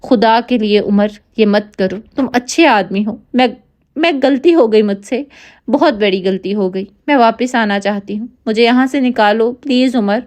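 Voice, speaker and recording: A woman's voice: on the high side, a little mellow, close to an everyday voice. A woman reading the lines of a desperate imprisoned woman begging to be released. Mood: pleading.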